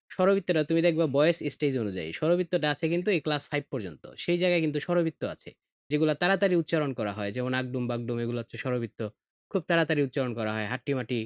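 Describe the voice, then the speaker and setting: A middle-aged Bangladeshi Bengali man explains poetry like a patient teacher, sometimes slipping into slow, heartfelt recitation. His voice sits a little high for a man. It is close and dry, with no room sound at all. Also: no echo. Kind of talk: explanatory lesson podcast.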